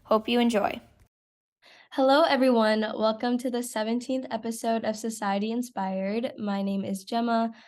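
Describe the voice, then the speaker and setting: A woman's voice: fairly high pitch, flat delivery, normal speed, a little mellow. A sixteen-year-old girl hosting a podcast, reading an earnest intro and asking her guest questions. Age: teens. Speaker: host. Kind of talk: scripted intro and interview questions.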